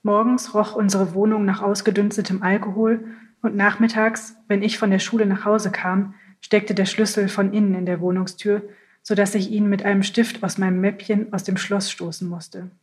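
A woman narrating a literary audiobook in the first person, reading in a calm, measured way. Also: medium pitch.

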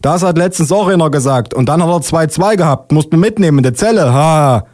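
A man's voice: mid-range voice, expressive, brisk, darkish tone, no room sound, studio quality, pitched above the performer's own voice, close to an everyday voice. A man voicing a folksy, chummy policeman in a spoken-word comedy piece.

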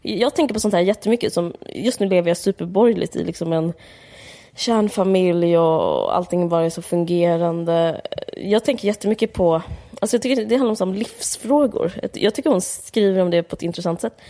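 A woman with a fairly low voice chats about a book. She rambles loosely with lots of filler words. Her remarks are blunt and a little mocking. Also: lively intonation, warm tone. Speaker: podcast co-host discussing a book. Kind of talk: casual chat.

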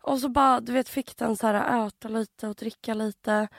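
Podcast co-host, woman, high bouncy voice, dry close sound, acts out stories. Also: vocal fry, no echo. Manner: animated storyteller, acts out others loudly. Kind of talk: casual chat.

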